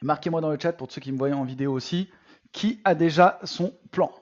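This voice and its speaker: A man's voice: a little high, brisk, lo-fi sound. A man coaching would-be entrepreneurs in a live online masterclass, talking to the audience as friends, with lots of fillers and restarts. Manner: animated, addresses audience as "les amis", many fillers. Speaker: business coach.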